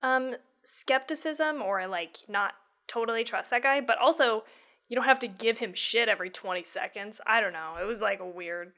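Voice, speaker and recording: A woman co-hosting a podcast, talking casually with halting restarts and frequent swearing. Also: on the high side, sharp tone. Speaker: podcast co-host. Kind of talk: casual chat about a horror film.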